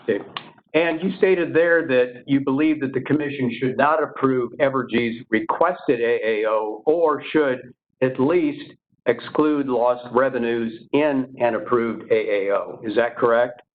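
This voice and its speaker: A man's voice: medium pitch, unhurried, narrow, tinny audio. A man cross-examining a witness as an attorney, in formal question-and-answer style over a thin line.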